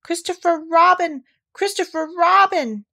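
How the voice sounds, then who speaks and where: Small anxious piglet for a storybook, played by a woman: squeaky, high, insistent and protesting. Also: unhurried, vocal fry, bright, forceful tone, exaggerated voice. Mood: pleading. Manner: exclamatory, plaintive, insistent. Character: small, timid, indignant piglet, spluttering and protesting.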